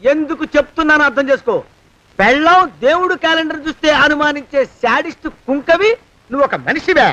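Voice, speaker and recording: A taunting, blackmailing servant. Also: male voice, extremely high pitch, fairly quick, pushed and bright, muffled recording. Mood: defiant. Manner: taunting, theatrical, nagging. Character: cheeky servant man who blackmails his master. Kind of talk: Telugu film comedy acting.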